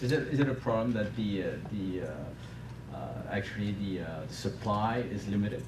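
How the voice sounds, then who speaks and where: A man moderating a panel, asking halting questions with many restarts. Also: lowish voice, lively intonation. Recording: distant echoey hall with noise.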